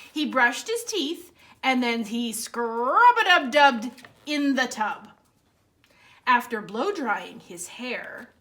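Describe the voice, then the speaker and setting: A storytime host reads a children's picture book aloud with expressive, dramatic emphasis, speaking straight to young listeners. Her voice is on the high side.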